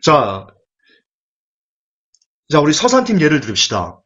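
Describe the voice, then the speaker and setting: A man delivers a sermon with an animated, rhetorical delivery, slipping into quoted voices. His fairly high voice swings widely in pitch. The recording sounds dull and lo-fi. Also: takes it slowly. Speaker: pastor.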